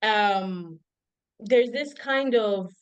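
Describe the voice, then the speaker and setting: A woman's voice: mid-range voice, drawn-out words, smooth, no room sound, muffled recording. A young woman from Zimbabwe, a doctoral researcher, reflecting as a guest in a casual interview and telling her story with many "like" fillers.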